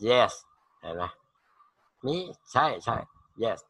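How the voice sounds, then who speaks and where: A man's voice: mid-range voice, very slow, a bit bright, dry recording. A man teaching English to school students in an online class, reading short English phrases and then translating and repeating them in Thai.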